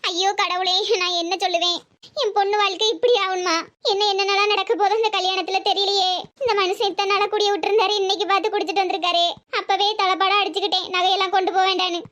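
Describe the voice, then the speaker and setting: A woman voicing a scolding, anguished middle-aged wife and mother in a comedy cartoon, with a Tirunelveli Tamil accent and a shrill, wailing manner. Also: level tone, fast talker, fairly bright tone, dull audio.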